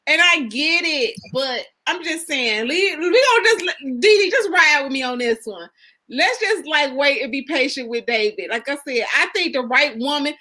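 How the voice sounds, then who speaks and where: A woman co-hosting a casual chat show, animated and emphatic in her arguments. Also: high voice. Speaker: co-host.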